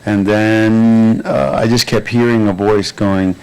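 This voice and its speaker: A man, an actor and producer, talking in a relaxed, rambling way with lots of fillers at a crowded premiere. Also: on the low side, slow pace, clear, resonant tone, low-quality recording. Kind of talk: premiere interview.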